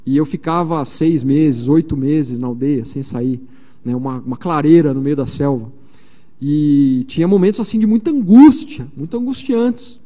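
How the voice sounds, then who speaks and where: A man in his forties from São Paulo, Brazil, preaches a sermon at a missionary conference in a large church, telling stories in a chatty way full of fillers. His voice is a little high and warm, at a moderate pace. The long reverb of the big church hall fills the recording.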